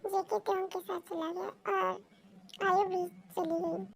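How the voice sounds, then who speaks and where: A woman reading a fan story aloud as narrator, in soft, steady narration. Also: extremely high pitch, slow, creaky. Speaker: story reader.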